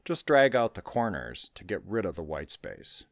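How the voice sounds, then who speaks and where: Low-voiced guy doing a computer how-to voice-over, calm step by step, dry close sound. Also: moderate pace, no echo. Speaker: tutorial host. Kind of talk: screen-recorded software tutorial.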